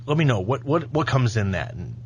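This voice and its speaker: A man's voice: medium pitch, big pitch swings, a little fast, darkish tone, highs cut off, slight background noise. A man hosting a podcast, rambling and joking at his own expense. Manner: jokey, self-mocking, rambling. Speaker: podcast host. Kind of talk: casual podcast chat. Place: studio.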